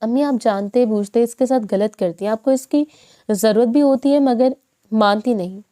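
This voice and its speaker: A woman's voice: on the high side, warm tone, natural voice. A woman voicing an outspoken young bride who pleads with her mother in a reproachful tone. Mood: pleading.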